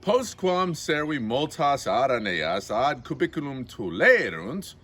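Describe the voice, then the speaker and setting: A man teaching Latin, reading a story aloud to his class in a slow, theatrical way and translating line by line. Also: mid-range voice, very animated, a bit bright, breathy edge.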